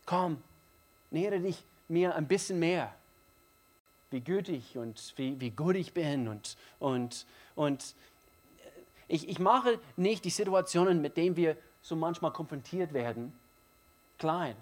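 A man delivering a sermon in a fairly high voice. He is emphatic and repeats key phrases, swinging from hushed, intimate passages to loud, driving emphasis. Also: expressive, slow pace, pauses often. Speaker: preacher.

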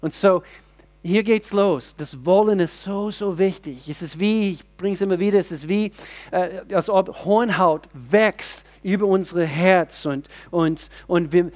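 A man's voice: high voice, a little slow, darkish tone. A middle-aged male pastor preaching a sermon, asking the congregation rhetorical questions and often restarting his sentences.

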